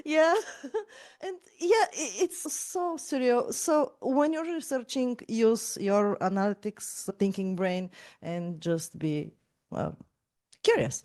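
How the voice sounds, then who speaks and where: Hesitant woman panelist, high voice. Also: a little mellow. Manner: hesitant, restarts phrases, laughs. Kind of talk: panel discussion.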